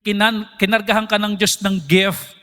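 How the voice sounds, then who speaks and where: Animated high-voiced Filipino pastor preaching. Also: male voice, moderate pace. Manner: mixes Tagalog and English, asks the congregation questions; animated, jumps in pitch for emphasis. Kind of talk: sermon.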